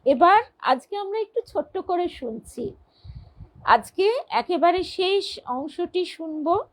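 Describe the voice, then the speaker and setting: A woman reading devotional stories aloud and commenting on them in a measured, earnest way. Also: extremely high pitch, expressive, rough recording. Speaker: reader of devotional texts.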